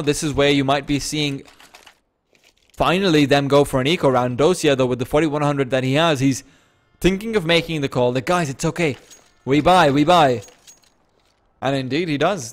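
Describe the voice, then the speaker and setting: This man, medium in pitch, provides quick esports play-by-play, growing excited over major moments. Along the way he slips in self-mocking remarks.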